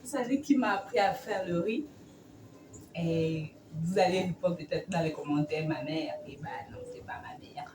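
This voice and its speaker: A woman's voice: fairly low pitch, normal speed. A young woman from Cameroon chatting to camera in a rambling, self-correcting way. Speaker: vlogger. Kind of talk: casual chat to camera. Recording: echoey room, far from mic, noisy.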